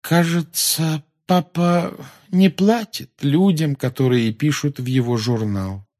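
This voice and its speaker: A man reading an audiobook, voicing a dreamy, odd schoolgirl who talks slowly and unbothered. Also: on the high side, darkish tone, voice pushed up.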